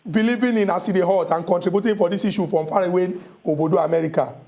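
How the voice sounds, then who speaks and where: A man's voice: high-pitched, quick pace, warm tone. A man with a Nigerian accent speaking Nigerian Pidgin, hosting a call-in radio show in a conversational style.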